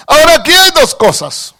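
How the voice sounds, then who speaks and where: A man delivers a sermon in a high, lively voice. He preaches with passion, pushing his emphatic lines loud and letting asides fall to near quiet. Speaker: pastor.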